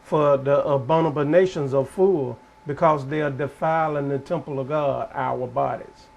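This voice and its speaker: A man explaining prophecy in a casual, sermon-like way. He is earnest and deliberate and keeps repeating phrases. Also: mid-range voice, fairly even intonation, gravelly, darkish tone, lo-fi sound. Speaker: prophecy teacher.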